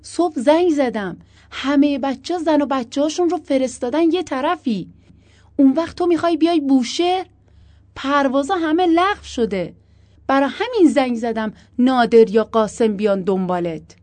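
Woman reading as a tense male air force pilot, urgent and insistent, mellow dry delivery. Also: high-pitched, no room sound, pitched above the performer's own voice, natural voice.

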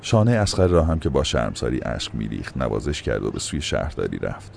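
A man narrates a story in a very deep, gravelly voice. His delivery is steady and measured, with a lively melodic rise and fall. A faint hiss sits under the recording.

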